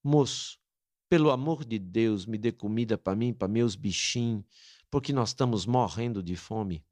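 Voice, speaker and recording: A man's voice: lowish voice, normal speed, a little mellow, no echo, studio quality, voice pushed down, lightly acted. A man quoting a desperate, starving rural mother who pleads in a story he retells. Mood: pleading.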